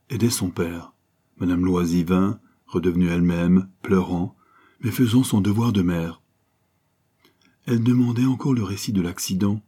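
A man reading a nineteenth-century novel aloud in a measured, dramatic way, lifting his voice for the quoted cries. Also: deep voice, dark tone, slightly rough. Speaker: audiobook reader. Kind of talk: scripted narration of a novel.

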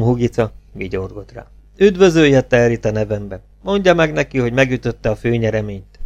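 A man narrating a crime novel audiobook, raising his voice for the characters' lines and dropping it for the narration. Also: darkish tone. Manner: lifts pitch and volume for quoted characters, drops for narration.

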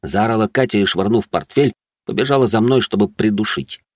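A man narrating a first-person fantasy audiobook in a low-key, wry way. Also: fairly quick, no echo, studio quality.

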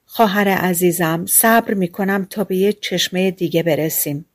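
A woman's voice: fairly low pitch, natural voice. A woman reading aloud and voicing a young boy, a thirsty and stubborn little brother who speaks wearily but insists. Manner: weary, insistent. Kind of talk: storybook reading.

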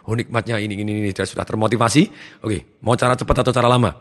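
A man giving a motivational seminar talk, energetic and acting out his students' lines. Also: lowish voice, racing, long reverb tail. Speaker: motivational trainer.

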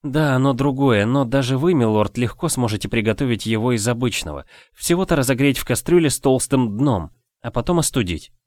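A man reading an audiobook, voicing a spirited young noble wife in a raised, lively voice. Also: medium pitch, no echo, studio quality, close to an everyday voice. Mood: explaining. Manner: quick, lively, prickly.

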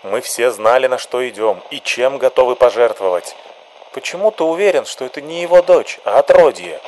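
A man's voice: medium pitch, expressive, normal speed, slight background noise, voice pushed up, natural voice, poor audio. A man voicing an agitated, insistent male activist in a radio play. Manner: loud, insistent, restless.

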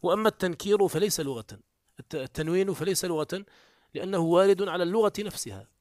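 A man teaches from a classical grammar text. His voice sits fairly high for a man and is recorded close and dry, with almost no room sound. He reads a phrase, then unpacks it, often restarting his words. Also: fast, darkish tone, no echo. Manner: reads a line of the text, then explains it, with frequent self-corrections. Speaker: teacher of Arabic morphology. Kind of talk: classical Arabic text lesson.

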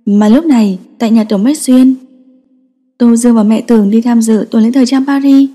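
A woman narrating a story in a steady, scripted storytelling style. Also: a little high, normal speed, in a large hall. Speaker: audiobook narrator.

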